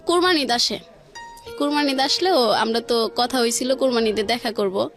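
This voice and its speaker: A woman with a Bangladeshi accent and a slightly high, somewhat bright voice talks at an ordinary pace. In a radio studio with faint music behind her, she tells a personal story casually, linking events together and quoting what people said.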